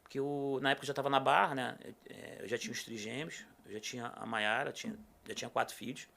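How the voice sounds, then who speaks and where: Fast-talking gravelly Rio man. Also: mid-range voice. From Rio de Janeiro state, Brazil. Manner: animated, acts out quoted dialogue. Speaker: podcast guest. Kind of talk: casual personal storytelling.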